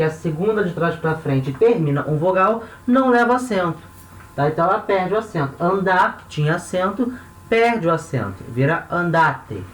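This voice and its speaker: Patient Brazilian teacher in an echoey room. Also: male voice, fairly high pitch. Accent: Brazilian Portuguese, Rio de Janeiro. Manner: patient, repeats words slowly, checks with "tá?". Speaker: language teacher. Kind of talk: recorded online lesson.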